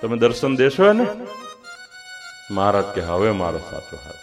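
A man's voice: lowish voice, sing-song, moderate pace. A man preaching a sermon, telling a devotional story dramatically and voicing the people in it. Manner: dramatic, voices characters in the story. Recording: clear music behind.

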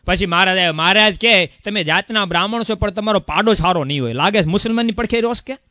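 A man's voice: sits high, quick pace, dry recording, studio quality. A man, a sadhu giving a sermon with a story and acting out the dialogue of its people. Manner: animated storyteller, acts out dialogue. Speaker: sadhu preacher.

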